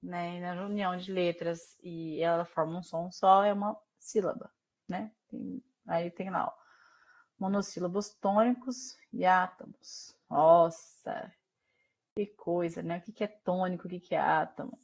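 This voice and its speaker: A woman with a Brazilian accent teaching a Portuguese class over a video call, explaining slowly and often checking in with her students. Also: on the low side, steady tone, a little mellow. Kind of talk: online class lecture.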